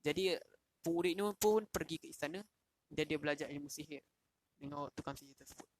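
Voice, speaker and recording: A man's voice: fairly high pitch, fast, slight background noise. A man, telling a story in a casual livestream lesson and asking questions. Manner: casual, with fillers and restarts, asks the audience questions. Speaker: Quran class teacher.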